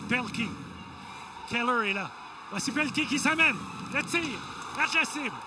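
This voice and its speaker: Excited, very high-pitched Quebec hockey play-by-play woman. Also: unhurried. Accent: Quebec French. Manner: shouts on big plays, clipped phrases. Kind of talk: excited live sports commentary. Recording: loud arena noise behind voice. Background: hockey arena ambience.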